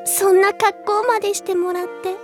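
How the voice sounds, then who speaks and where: A woman's voice: very high voice, flat delivery, moderate pace, over music. A woman voicing a sweet, timid teenage girl with a rustic verbal tic at the end of her lines, in a radio drama. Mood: remorseful. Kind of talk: anime radio drama acting.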